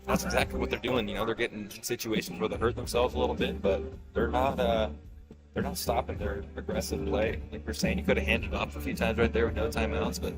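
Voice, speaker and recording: A man in the color commentator's seat, breaking down football plays in a relaxed, conversational way. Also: on the low side, quick pace, loud music behind the voice. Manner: relaxed, conversational, with fillers and restarts. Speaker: color commentator and high school coach. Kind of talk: casual analytical sports commentary.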